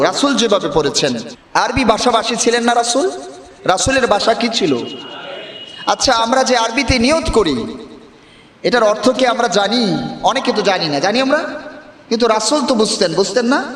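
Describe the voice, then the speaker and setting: High-voiced preacher in an echoing hall. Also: male voice. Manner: asks the listeners many rhetorical questions; forceful and emphatic, sometimes raises his voice. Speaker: Islamic preacher. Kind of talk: religious sermon. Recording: echoey, with long reverb.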